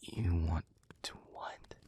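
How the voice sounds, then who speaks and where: In an intimate audio roleplay, a man voices a tormented, protective demon begging a former lover, his husky, breathy words halting and stammering with earnestness. He speaks mellowly in a whisper, acting only lightly. He sounds worried and disbelieving.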